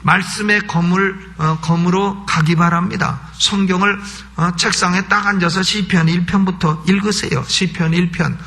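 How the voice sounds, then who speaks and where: A man's voice: high voice, steady tone, normal speed, gravelly, sharp tone. A man preaching an expository sermon as a pastor at a church service, emphatic, with rhetorical questions and prompting asides.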